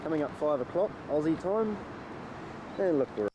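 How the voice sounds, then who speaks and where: Swearing kiwi bloke over loud ferry noise. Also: male voice, fairly high pitch, animated, moderate pace, muffled recording. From New Zealand. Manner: chatty, swears freely, rambling. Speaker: traveller filming himself. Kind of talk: casual travel vlog. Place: outdoors on a harbour ferry. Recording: loud boat engine and wind noise.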